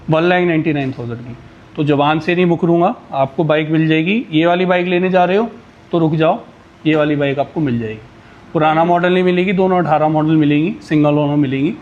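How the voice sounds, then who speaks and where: A man pitching used superbikes in a casual, boastful way, rattling off price countdowns. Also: a little mellow, dull audio, a little hiss or hum.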